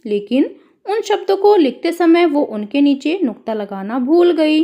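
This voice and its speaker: A woman's voice: high voice, darkish tone. A woman teacher explaining a worksheet to children, spelling words out syllable by syllable and calling her pupils "beta".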